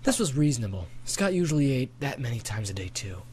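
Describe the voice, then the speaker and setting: A man narrating an amateur audiobook, dropping his voice low on the "he said" tags. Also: sing-song, fast talker, darkish tone, a little hiss or hum. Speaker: audiobook reader.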